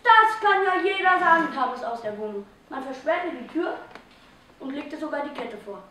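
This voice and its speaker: A woman's voice: sits high, sing-song, moderate pace, bright, forceful tone, a little hiss or hum, full character voice. A woman playing a clumsy, exasperated storyteller. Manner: dramatic recitation with voiced quotes. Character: hapless woman telling of falling on ice again and again. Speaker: stage actor in a school theatre group. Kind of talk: theatrical first-person storytelling. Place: stage in a hall. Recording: echoey hall from far off.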